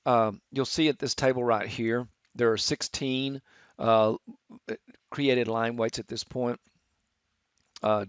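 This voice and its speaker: A middle-aged man teaching architecture students, talking through a software tutorial with many fillers and restarts. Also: medium pitch, clean tone, dry recording. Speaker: architecture instructor. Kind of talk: screen-recorded software tutorial. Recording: dull, lo-fi screen capture.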